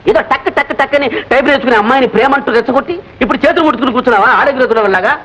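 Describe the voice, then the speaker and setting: An actor playing a sharp-tongued brother-in-law who scolds in rapid bursts. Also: male voice, extremely high pitch. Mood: scolding. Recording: dull old film soundtrack with faint noise.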